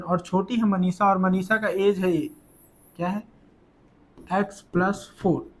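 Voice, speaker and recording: A young man teaching school maths for exams in a quick, chatty way, repeating each step. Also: high-pitched. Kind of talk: exam-prep maths lesson.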